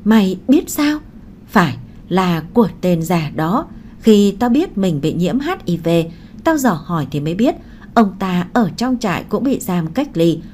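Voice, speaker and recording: A woman voicing a desperate, vengeful woman who holds a child hostage, in a shrill taunting manner. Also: very animated, unhurried, darkish tone, a little hiss or hum.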